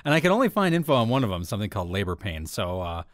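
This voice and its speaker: A man's voice: fairly low pitch, sing-song, very fast, no room sound, clean studio sound. A man co-hosting an entertainment podcast, talking casually and rambling with lots of fillers. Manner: chatty, rambling with many fillers. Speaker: podcast co-host.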